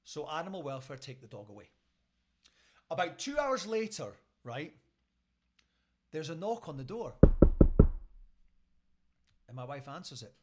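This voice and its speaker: A man's voice: fairly high pitch, very animated, unhurried, long pauses, a little hiss or hum. A Scottish man, a radio host, telling a story casually on a live stream and checking in with his listeners. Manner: chatty, keeps checking in with listeners.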